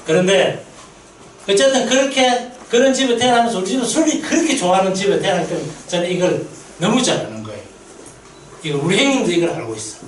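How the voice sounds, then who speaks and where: A man's voice: high-pitched, quick pace, roomy sound, distant mic, slight background noise, low-quality recording. A man preaching a sermon as a missionary pastor at a mission meeting, telling stories and asking the congregation questions. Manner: lively storytelling, asks the congregation questions. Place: church sanctuary.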